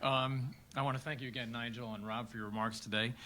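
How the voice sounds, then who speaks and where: Fast, bright-voiced Chicago businessman. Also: medium pitch, fairly even intonation, a little hiss or hum. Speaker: corporate sponsor executive. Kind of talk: prepared press speech.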